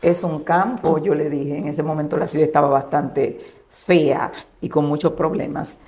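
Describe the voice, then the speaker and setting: A woman pastor, giving an emotional personal testimony and softly acting out the dialogue she recounts. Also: low-pitched, fairly even intonation, moderate pace. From Dominican Republic. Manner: storytelling, acting out quoted dialogue in a hushed voice.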